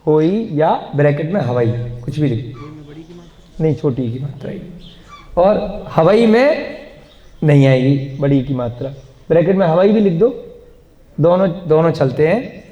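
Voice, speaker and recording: A man's voice: a little high, expressive, measured pace, pauses often, muffled recording. A male teacher giving a grammar lesson to a class, patiently putting questions to his students and dictating what they should write. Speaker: language teacher. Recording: long classroom reverb.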